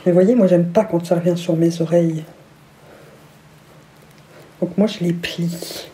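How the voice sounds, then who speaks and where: A woman talks casually through a haul on camera and gushes over everything she shows. Her voice sits low for a woman and has a very dark, mellow tone. She now and then drops into a soft whisper. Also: steady tone, a little slow. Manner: gushing, enthusiastic, exclamatory. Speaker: vlogger.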